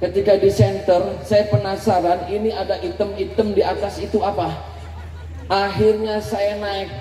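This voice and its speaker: A man's voice: high voice, moderate pace, slight background noise. A man preaching a comic sermon, telling a story and acting out its characters while often addressing the women in the crowd, recorded at an outdoor field event. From Indonesia. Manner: animated storyteller, acts out characters; keeps addressing the women listeners. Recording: echoey PA sound, distant from mic.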